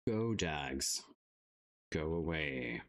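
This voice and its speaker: Gravelly, very deep-voiced male streamer. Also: expressive, very slow, a bit bright. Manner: laid-back, musing aloud to himself. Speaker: game streamer. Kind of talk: casual live-stream commentary.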